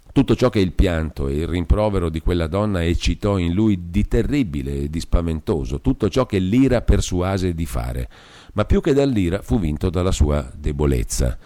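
A man reading a classic novel aloud in a measured, expressive narration. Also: deep voice. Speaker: audiobook reader. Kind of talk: scripted literary narration.

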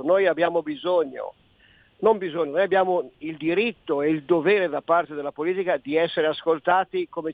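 A man's voice: a little high, dry recording. An older man from northeastern Italy calling in to a radio show over a phone line, talking emphatically and insistently with frequent restarts. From Friuli Venezia Giulia, Italy. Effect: heard over a phone line. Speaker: caller. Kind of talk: call-in talk radio. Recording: tinny dry phone line.

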